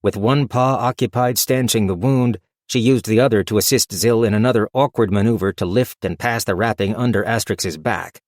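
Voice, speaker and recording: A man reading a fantasy audiobook as narrator in a steady, measured storytelling manner. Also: fairly low pitch, no echo, studio quality. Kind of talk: scripted narration.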